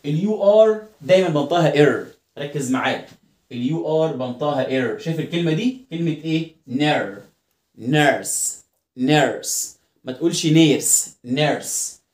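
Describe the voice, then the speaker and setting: A man's voice: fairly high pitch, expressive, fast, a little mellow. A male English teacher with an Egyptian Arabic accent, giving a phonics lesson and repeating each word over and over for students to copy. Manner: drills pronunciation, repeating words many times. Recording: roomy echoing room.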